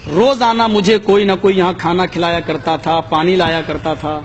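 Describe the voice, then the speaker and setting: A man preaching a sermon, telling a story with dramatic rises in his voice. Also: fairly even intonation. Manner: dramatic, rising pitch for quoted voices.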